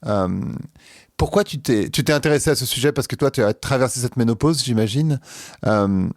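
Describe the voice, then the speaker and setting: A man's voice: mid-range voice, a little fast, no echo, clean studio sound. A man hosting a podcast, speaking conversationally as he introduces and interviews a guest. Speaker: podcast host.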